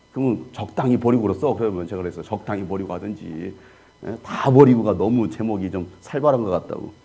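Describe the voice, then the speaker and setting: Korean pastor guy, kinda husky voice, chatty preaching, keeps asking the room questions. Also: mid-range voice, darkish tone. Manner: conversational preaching with rhetorical questions to the congregation. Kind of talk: sermon teaching.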